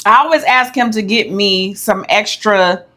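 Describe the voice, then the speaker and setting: A woman's voice: medium pitch, measured pace, bright, forceful tone. A middle-aged woman chatting playfully with her fiancé, teasing and laughing often. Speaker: co-host of a couple's channel. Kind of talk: casual chat.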